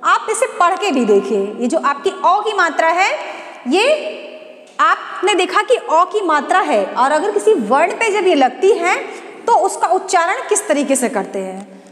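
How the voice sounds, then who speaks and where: Woman teacher, very high voice, asks and answers her own questions, drawn-out syllables, roomy long reverb. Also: big pitch swings, fairly bright tone. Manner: slow, drawn-out sounding of syllables. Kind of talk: Hindi alphabet lesson. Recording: echoey room with long reverb.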